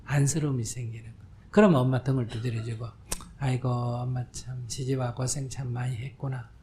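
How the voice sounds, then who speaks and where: Older monk giving a lively dharma talk. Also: male voice, mid-range voice, brisk, slight background noise. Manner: conversational, often checks listeners understand; acts out quoted voices, drops to whispers. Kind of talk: question-and-answer dharma talk. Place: lecture hall with audience.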